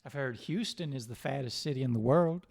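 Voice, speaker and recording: A man's voice: medium pitch, a little fast, vocal fry, a little mellow. A man hosting a livestream, chatting casually and rambling between jokes. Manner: rambling, joking, laughs often. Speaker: livestream host.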